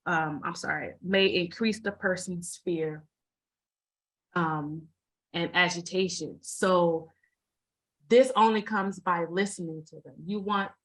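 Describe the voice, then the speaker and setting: A woman speaking as a guest mental health responder over a video call, giving informal advice with many pauses, fillers and repeated phrases. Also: lowish voice, fairly bright tone, rough recording. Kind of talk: informal presentation to an online group.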